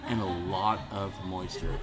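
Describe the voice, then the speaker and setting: Over music and crowd noise in a bar, a low-pitched man speaks with a steady tone and measured pace. He's a podcast guest in his thirties from Central California, rambling discursively in casual chat.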